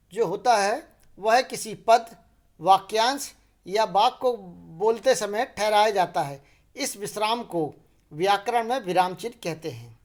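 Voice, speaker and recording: A male teacher from Madhya Pradesh walks through a grammar lesson at a steady classroom pace. He speaks slowly and deliberately, pausing and rephrasing each definition so it sinks in. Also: high voice. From Madhya Pradesh, India. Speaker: school teacher.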